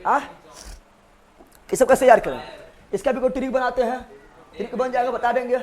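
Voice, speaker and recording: High-voiced playful male teacher. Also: steady tone, normal speed, a little mellow. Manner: playful, joking, repeats questions to students. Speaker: exam coaching teacher. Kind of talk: live online revision class.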